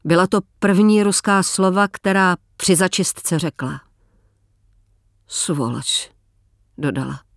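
A man reading a novel aloud, measured, slowing down for emphasis. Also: high-pitched, a bit bright, clean tone, no echo, studio quality. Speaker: narrator. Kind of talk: scripted audiobook narration.

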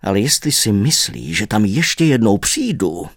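Animated man reading an indignant monologue. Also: fairly low pitch, gravelly, dry recording, clean studio sound. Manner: indignant, fussy grumbling monologue. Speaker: audiobook reader. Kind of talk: expressive first-person story reading.

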